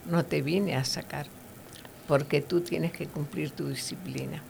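A woman's voice: measured pace, vocal fry, a little hiss or hum, full character voice. Woman voicing a firm, loving father. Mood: firm, tender. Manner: firm, calm, lower. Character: firm but loving father disciplining his son.

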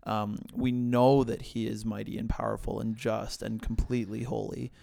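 Gravelly-voiced man reflecting gently. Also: lowish voice, flat delivery, moderate pace, no room sound, clean studio sound. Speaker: podcast co-host. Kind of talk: casual faith discussion.

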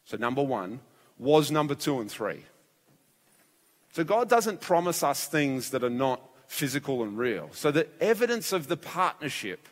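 A man's voice: a little high, a bit bright. A man preaching a sermon as pastor in a church, his voice strained and fragile, telling the story vividly and acting out voices. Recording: long church hall reverb.

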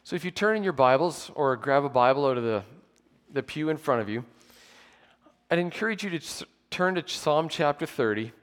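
Man in his 40s, pastor at a pulpit mic, slightly high voice, measured sermon delivery with dry humour, long church reverb. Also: lively intonation, fairly bright tone. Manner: measured, explanatory preaching with occasional dry humour. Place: church sanctuary with pews.

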